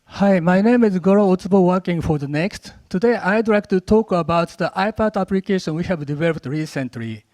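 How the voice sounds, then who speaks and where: A man with a Japanese accent giving a rushed, animated lightning talk with a live demo at a conference. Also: high-pitched, dry recording. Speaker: conference speaker. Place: conference stage.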